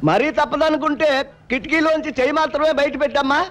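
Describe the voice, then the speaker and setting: An actor playing a proud, protective butcher brother in a film comedy, giving bossy, lecturing instructions. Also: male voice, very high-pitched, fast, a bit bright. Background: film score.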